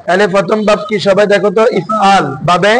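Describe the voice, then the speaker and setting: High-voiced teacher quizzing his class. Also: fairly even intonation, fairly quick, a bit bright, slight background noise, poor audio. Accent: Bangladeshi Bengali. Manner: drills students with repeated questions. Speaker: madrasa teacher. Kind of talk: classroom Arabic grammar lesson.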